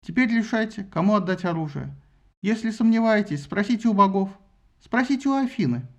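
A man's voice: sits high, expressive, a little fast, pitched above the performer's own voice. A man voicing a cunning, eloquent male hero making a sly, persuasive speech in an audiobook. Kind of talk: audiobook character voice.

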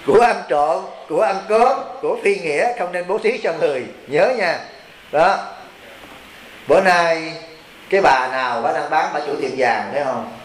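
A man's voice: a little high, moderate pace. A man, a Buddhist monk, gives a folksy sermon to a retreat and keeps asking his listeners questions. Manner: folksy, teasing, asks the audience questions. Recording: roomy hall with faint hiss.

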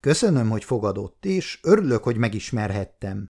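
A man reading an audiobook, voicing a brisk, confident male insurance agent in a slightly raised voice. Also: fairly low pitch, sing-song, a little mellow. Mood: polite.

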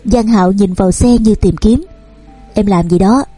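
A woman narrating a romance novel and reading every character's lines in her own voice, over soft background music. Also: mid-range voice, moderate pace, breathy edge. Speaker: audiobook narrator. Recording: dry close recording with soft music underneath.

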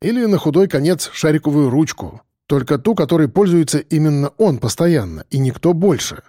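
A man's voice: a little high, very animated, brisk, mellow, no room sound, clean studio sound. A male reader voicing a grumbling forensic expert who explains things in a matter-of-fact way. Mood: explaining.

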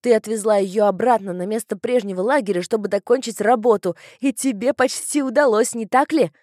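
A woman's voice: medium pitch, expressive, measured pace, dry recording, studio quality, close to an everyday voice. A woman reading an audiobook, voicing a frightened young woman who accuses with a trembling voice. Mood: accusing. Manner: shouting accusations.

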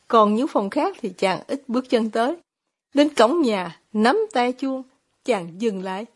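Woman, audiobook narration, steady measured delivery, husky, higher pitch. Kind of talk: audiobook narration of a classic novel.

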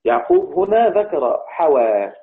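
A man teaching Quranic readings in a lecture, asking his students questions and answering them himself, slowing down to recite verse lines. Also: fairly high pitch, very animated. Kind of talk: classroom lecture. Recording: tinny phone-like recording.

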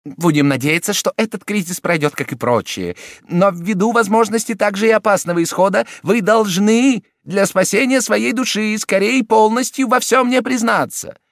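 A man voicing a wrathful, scheming elderly Italian cardinal who shouts and hectors. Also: sits high, normal speed, no echo, clean studio sound, voice pushed up. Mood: insistent.

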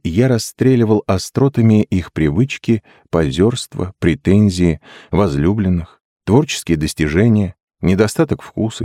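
A man's voice: on the low side, dark tone, no room sound, studio quality. A man reading a literary novel aloud in the first person, expressively, voicing the dialogue as he goes. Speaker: audiobook reader. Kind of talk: literary audiobook narration.

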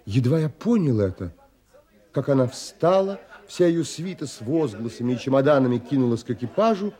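In what sounds like a literary audio play, an actor portrays a wistful, romantic man recounting his longings in a measured, thoughtful, expressive way. His medium-pitched voice is only lightly acted, and the mood is wistful and stirred.

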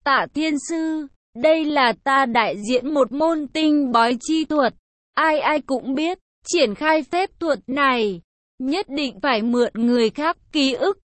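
A woman's voice: high-pitched, unhurried, no echo. A woman reading the lines of a cold, stern male sect elder in an audiobook. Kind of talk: audiobook narration.

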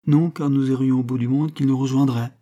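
A man's voice: mid-range voice, steady tone, brisk, mellow, close to an everyday voice. A man voicing a scheming woman posing as a countess in an audiobook, speaking in a theatrical, pleading manner. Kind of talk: audiobook character reading.

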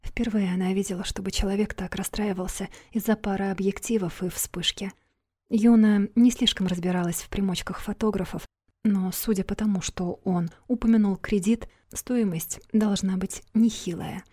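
A woman's voice: medium pitch, fairly even intonation, moderate pace, dark tone, slightly rough, no echo, studio quality. A woman narrating an audiobook in a wry, confiding storytelling manner. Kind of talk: scripted narration.

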